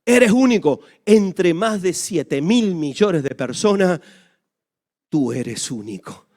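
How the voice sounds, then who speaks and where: A man preaching a sermon in an emphatic style, moving from loud exclamations to quiet asides. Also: high voice, animated, slow pace. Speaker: pastor. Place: church livestream.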